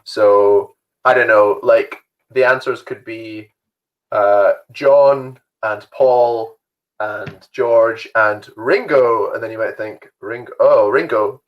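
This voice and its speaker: A man's voice: fairly low pitch, slow pace, dull audio. A young man hosting an online youth quiz from home, chatty and rambling, laughing often. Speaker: youth group host.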